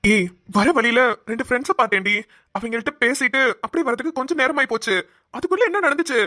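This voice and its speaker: A woman's voice: high-pitched, fast talker, bright, forceful tone, dry recording, studio quality. A woman voicing a caring but pushy young woman in a cartoon, pressing questions. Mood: insistent. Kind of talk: cartoon voice acting.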